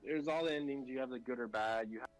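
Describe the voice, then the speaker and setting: A man's voice: mid-range voice, fast, faint music behind, poor audio. A man chatting casually about video games as co-host, rambling with many fillers and restarts. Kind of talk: casual gaming chat.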